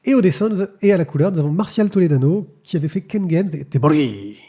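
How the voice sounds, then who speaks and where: A man hosts a live-streamed comics review podcast, his voice fairly high and dark in tone, with lively intonation and a quick pace. He talks casually, filling his speech with fillers and repeated words.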